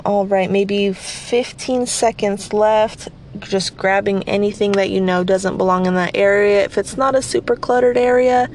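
Sleepy, slightly raspy woman podcaster. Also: medium pitch, a little hiss or hum. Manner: chatty and rambling, self-deprecating. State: slightly raspy, just woken up. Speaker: podcast host. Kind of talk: casual guided cleaning session.

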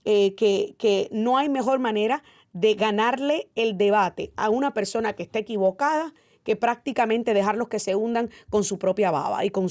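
A woman's voice: mid-range voice, darkish tone. A woman hosting a call-in political talk radio show, speaking in an opinionated, emphatic way with frequent "eh" fillers.

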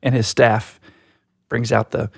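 A man co-hosting a podcast, talking in a reflective, storytelling way, slow and deliberate. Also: medium pitch, level tone, gravelly, darkish tone, husky, dry recording, studio quality. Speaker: podcast co-host. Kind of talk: casual podcast chat.

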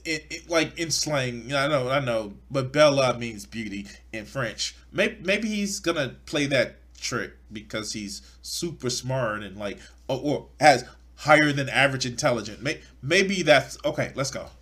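A man's voice: medium pitch, expressive, unhurried, fairly bright tone. A man, speaking bluntly and profanely with stammering restarts as he streams an off-the-cuff reaction.

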